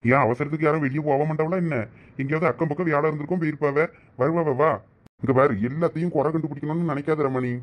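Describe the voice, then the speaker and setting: A man acting in a village drama, calming and lightly chiding his wife. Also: on the high side, fast. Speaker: actor in a village family drama.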